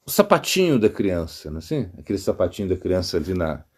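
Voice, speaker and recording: A middle-aged man with a Brazilian Portuguese accent, giving a casual storytelling sermon as a monk, animated, with many fillers and repeats. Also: deep voice, fast. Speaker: monk giving a spiritual talk.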